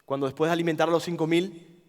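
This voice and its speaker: A man with an Argentine accent preaching a camp sermon, swinging between loud dramatic outbursts and hushed, quiet pleading. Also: fairly high pitch, fairly even intonation, fast talker. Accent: Argentine Spanish. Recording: long hall reverb.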